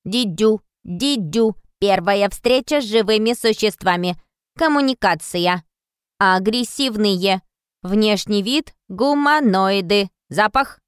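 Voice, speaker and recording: A woman voicing a small rusty toy space robot in a storybook, speaking in slow, clipped, mechanical words. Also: medium pitch, clear, resonant tone, no room sound, studio quality, voice pushed up, natural voice. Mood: robotic. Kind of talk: storybook reading.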